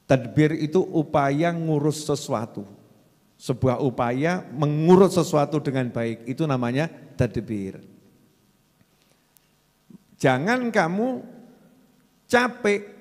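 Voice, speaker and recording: A male preacher delivers a lively sermon, firing questions at his audience. His voice sits slightly high and leaps around in pitch. Long hall reverb trails behind him. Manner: animated, quizzing the audience with call-and-response.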